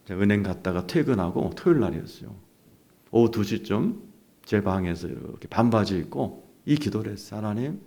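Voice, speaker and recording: A middle-aged male pastor giving a personal testimony during a revival sermon in a church, moving between hushed, almost whispered passages and loud, emotional outbursts. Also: on the low side.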